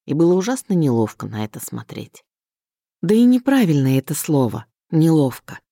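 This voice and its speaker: Low-voiced woman reading a novel. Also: fairly quick, gravelly, no echo, clean studio sound. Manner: expressive storytelling, mixing plain telling with inner voice. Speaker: audiobook reader. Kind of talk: scripted literary narration.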